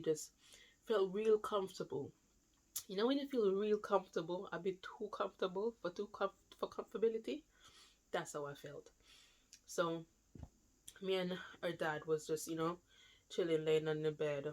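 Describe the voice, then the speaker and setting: A young woman from London with a London accent, telling a personal story to camera in a chatty, rambling way full of fillers. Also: lowish voice. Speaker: vlogger.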